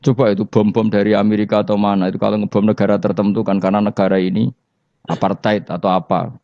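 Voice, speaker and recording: A man's voice: lowish voice, flat delivery, fast talker, gravelly, dry recording. A man with a Javanese accent giving a religious lecture, telling humorous stories and quizzing his listeners. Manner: humorous storytelling, quizzing the audience. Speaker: Islamic preacher. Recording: dull lo-fi recording.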